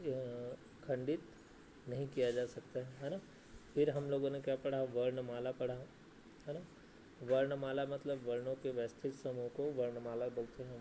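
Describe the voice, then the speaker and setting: Flat-voiced man teaching a grammar lesson. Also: mid-range voice, a little hiss or hum. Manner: asks questions and answers them himself; repeats "ठीक है" and "है ना" often.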